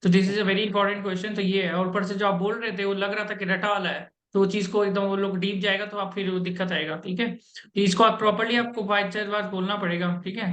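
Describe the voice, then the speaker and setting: A man's voice: high voice, little pitch movement, brisk, hardly any pauses, fairly bright tone, roomy sound. A man with an Indian accent giving blunt mock interview feedback over a video call, mixing Hindi and English. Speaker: interview coach.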